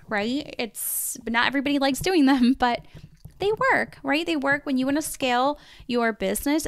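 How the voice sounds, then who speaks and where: A chatty woman hosts her own podcast, talking straight to the listener. Her voice sits a little high and sounds smooth and clear. It is recorded close and dry, with no room sound. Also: dry recording. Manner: chatty and conversational, with many fillers like "like" and "right?". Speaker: podcast host. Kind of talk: solo podcast monologue.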